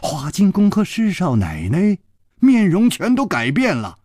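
A male storyteller with a slightly high voice, telling a martial-arts story at a very slow pace. His pitch rises and falls widely for drama. The sound is close and dry. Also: dry recording. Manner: expressive, swinging pitch, dramatic pacing. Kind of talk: traditional storytelling broadcast.

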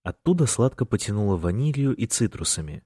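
A male audiobook narrator with a low voice and an even storytelling read. The recording is dry and close, with no room sound. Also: a little fast, husky, no room sound. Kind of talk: scripted narration.

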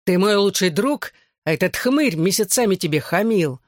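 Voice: medium pitch, lively intonation, normal speed, no echo, clean studio sound, pitched above the performer's own voice, lightly acted. Gipsy, a reader voicing a raging drunk young brawler. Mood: furious. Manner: snarling, aggressive. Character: hot-headed young male hooligan, drunk and raging.

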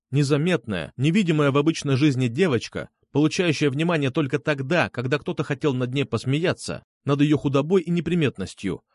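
A man narrating a story in the first person with a lively, expressive delivery. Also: mid-range voice, dry recording. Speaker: audiobook narrator.

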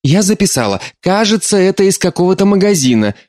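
A tearful middle-aged mother, as a male reader puts her on, her voice pushed up high and tight with sobs. She pleads and protests through her crying in a dry, close storybook reading. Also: sing-song, brisk, a little mellow, dry recording. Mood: fussing.

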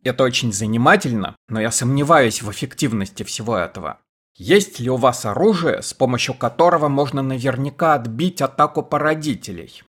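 A polite, relentless interrogator, read by a male audiobook narrator, pressing question after question with a calm, courteous edge. The voice is a mid-pitched, husky baritone that stays measured and insistent. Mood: skeptical.

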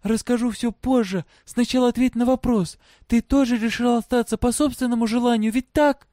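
A man voicing a bold, desperate young girl who searches for her father, with shrill, urgent shouting. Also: steady tone, normal speed, dry recording, clean studio sound. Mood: distraught pleading.

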